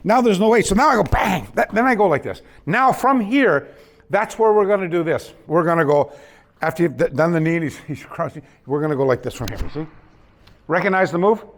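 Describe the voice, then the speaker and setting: A man teaching a hands-on martial arts class in a dojo, coaching students with quick commands and laughter. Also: sits high, lively intonation. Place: dojo hall.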